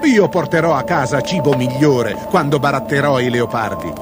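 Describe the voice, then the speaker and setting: A man voicing a young, headstrong boy who is quick to anger, speaking high and loud with indignation over soft background music. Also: huge pitch swings. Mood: boastful. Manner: shouting, indignant.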